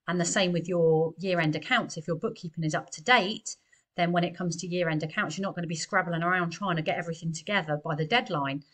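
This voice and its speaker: An accountant in her thirties gives chatty, earnest business advice directly to a webcam in a small room, gesturing with her hands. Her voice is lowish with a fairly bright tone.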